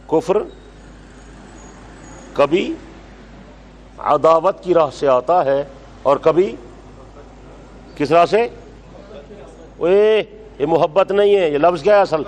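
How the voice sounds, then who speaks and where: A man teaches a religious class in a slightly high voice. He dictates slowly, repeats each phrase for note-taking, and quizzes his students sharply. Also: darkish tone, slight background noise. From Pakistan. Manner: scolds and quizzes students brusquely. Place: lecture hall with students.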